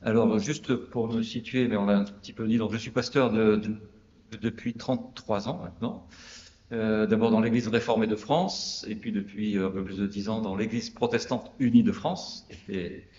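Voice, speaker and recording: A man's voice: lowish voice, steady tone, moderate pace, darkish tone, roomy sound, long reverb tail, lo-fi sound. A middle-aged man, a pastor, introducing himself at a church conference with some hesitation. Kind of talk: conference talk. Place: Protestant church.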